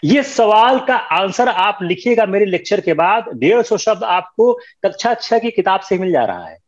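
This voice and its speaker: Brief: older male lecturer, high lively voice, stern classroom manner, dull lo-fi recording. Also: normal speed. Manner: firm, scolding, mixes Hindi with English. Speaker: history teacher.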